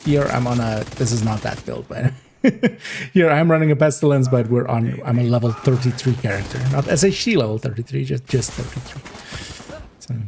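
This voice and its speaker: A man streaming a game, chatting casually in a rambling, relaxed way and laughing often. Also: mid-range voice, normal speed, gravelly, a little hiss or hum. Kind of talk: casual gameplay livestream chat.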